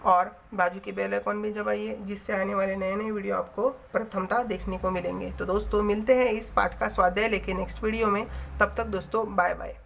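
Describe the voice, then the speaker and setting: A woman teacher who reads a school chapter aloud and then explains words in a friendly, explanatory way. Her voice sits at an average pitch, and a faint hiss runs underneath. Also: little pitch movement, fairly quick, creaky. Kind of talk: reading a lesson aloud.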